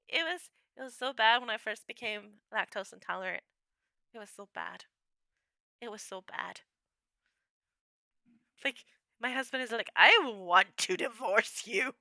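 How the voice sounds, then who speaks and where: A young woman chats unhurriedly with her stream viewers, laughing often and keeping things playful. Her voice sits high and swings widely in pitch. The sound is dry and close. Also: wildly swooping pitch, takes it slowly, vocal fry, long pauses, sharp tone, no room sound. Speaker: livestreamer. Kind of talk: casual chat with viewers.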